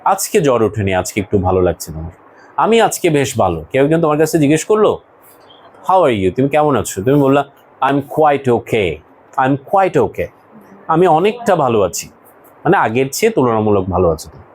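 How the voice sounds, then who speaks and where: Lively male teacher quizzing a class. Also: mid-range voice, brisk, a little hiss or hum, rough recording. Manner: explains word by word, asks students questions. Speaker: English teacher. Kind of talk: classroom lesson.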